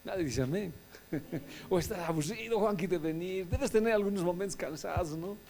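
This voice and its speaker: A man, a pastor, preaching a sermon, swinging between soft asides and loud exclamations. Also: high voice, moderate pace, slight background noise.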